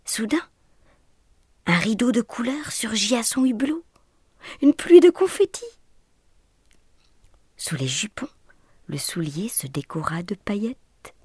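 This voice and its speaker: A woman reading a children's story aloud in a soft, playful way, often dropping to a whisper. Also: medium pitch, lively intonation, measured pace, long pauses, husky, no room sound, clean studio sound.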